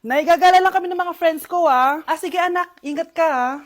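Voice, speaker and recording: A woman performing comedy skits, playing a mother and her grown child, with exaggerated and animated delivery. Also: very high-pitched, fairly quick. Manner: exaggerated, animated, many shouted lines.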